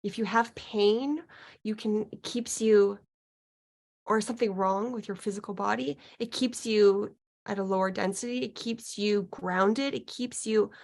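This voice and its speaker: A woman guiding a client through an unscripted healing session as a mystical healer, speaking in a halting, searching way with thoughtful pauses. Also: medium pitch, steady tone, vocal fry, darkish tone. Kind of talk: unscripted guided healing session, musing aloud.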